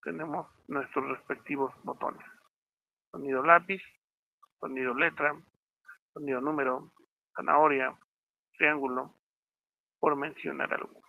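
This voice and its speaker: A man with a Mexican Spanish accent walks students through a programming tutorial one step at a time, often pausing to ask if they are following. His voice sits a little high and has a gravelly edge. The sound is tinny and narrow, like a phone line, with no room echo. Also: steady tone. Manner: step-by-step, checks in with frequent "¿sí?". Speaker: teacher. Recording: tinny phone-like audio, dry.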